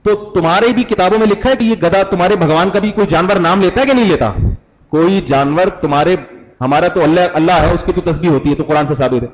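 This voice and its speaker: A man preaching a sermon, chatty, putting questions to the audience and acting out examples. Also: high voice. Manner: conversational, asks the audience questions, acts out examples. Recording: dull lo-fi old audio.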